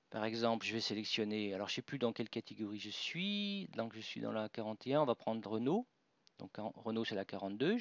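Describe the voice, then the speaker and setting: A man presents a software tutorial, talking through each click on his screen with fillers and restarts. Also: fairly low pitch, dry recording. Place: at a computer. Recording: dull, dry voice-over with mouse clicks.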